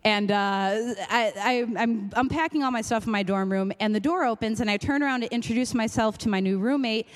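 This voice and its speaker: A young woman telling a comic personal story on stage, self-mocking and lively. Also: a little high, a little fast, few pauses.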